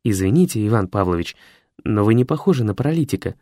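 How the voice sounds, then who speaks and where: A man's voice: fairly low pitch, expressive, quick pace, mellow, no room sound, studio quality. A man playing a polite, fussy male secretary who talks in a formal, courteous, slightly know-it-all way. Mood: prim, courteous.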